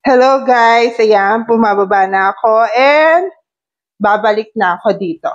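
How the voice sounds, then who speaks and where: Woman, Filipino accent, middle-aged, nasal cold voice, slow easy talk, chatty vlogger walking viewers through steps at home. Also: a little high, lo-fi sound. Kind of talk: casual product demo. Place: home, moving between rooms. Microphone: wireless clip-on mic and phone.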